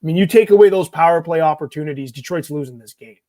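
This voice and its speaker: Guy co-hosting a sports podcast, kinda high voice, dry close sound, repeats himself as he goes. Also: fast, dark tone, dry recording. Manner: talks in bursts, repeats words while thinking. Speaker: podcast co-host. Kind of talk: casual sports chat.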